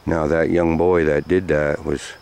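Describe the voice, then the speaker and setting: Very deep-voiced man rambling outdoors. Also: little pitch movement, measured pace, vocal fry, a little mellow, clear, resonant tone. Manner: rambling, loose with many fillers. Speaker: vlogger. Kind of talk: walking storytelling vlog. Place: outdoors on sandy trails by woods. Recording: faint outdoor noise.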